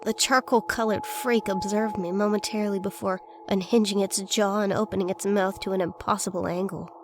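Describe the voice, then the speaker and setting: A woman's voice: medium pitch, fairly even intonation, fairly quick. A woman reading a scripted first-person horror story as its narrator. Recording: faint noise and ambience behind voice.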